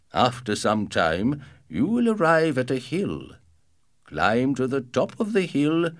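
A man voicing an old nomad father, giving slow, careful instructions to his daughter. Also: mid-range voice, pitched above the performer's own voice, full character voice.

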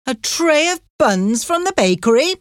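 A woman's voice: high voice, sing-song, unhurried, no room sound, studio quality, pitched above the performer's own voice. A woman reading a storybook voices a stern, teasing policeman. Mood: mocking. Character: stern, mocking male police officer.

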